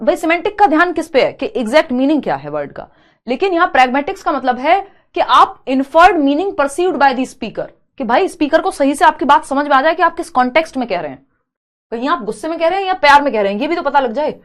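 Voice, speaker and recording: Woman with a higher voice, exam-prep teacher in a live online class, explains step by step and reads viewer comments. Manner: explains step by step, mixing in English terms and reading out viewer comments.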